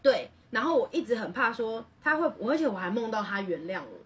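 A woman's voice: a little high, very animated, brisk, distant mic, a little hiss or hum. A young woman, a podcast co-host telling a personal story in an earnest, rambling way full of restarts.

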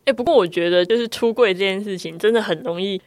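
A woman, a podcast co-host who jumps in with quick, teasing remarks in casual chat. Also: mid-range voice, darkish tone, dry recording, clean studio sound.

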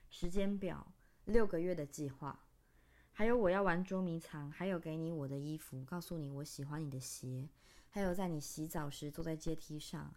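Low, dark-voiced woman reading drama. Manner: intense, halting delivery in short broken phrases; long breathless list, spoken low and soft. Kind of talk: dramatic reading of a stage text.

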